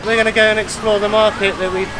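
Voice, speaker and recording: A man in his thirties, a travel vlogger, chats enthusiastically and informally to a camera held at arm's length on busy night streets. His voice sits high with a level tone and fast pace, and the rough recording carries crowd noise.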